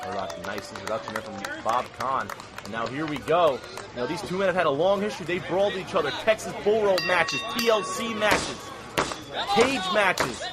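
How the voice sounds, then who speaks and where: A man giving live wrestling commentary in an excited, raised voice. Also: a little high, normal speed. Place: live event at a fair. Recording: loud crowd around commentary.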